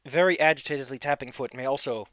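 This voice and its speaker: A man's voice: medium pitch, quick pace, fairly bright tone, dry recording. A man narrating a tabletop game as game master, describing scenes to the players.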